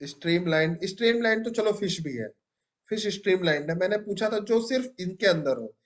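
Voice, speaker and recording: A man's voice: high voice, animated, fairly quick. A young man teaching a biology class, asking students questions and praising their answers. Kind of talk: classroom lecture.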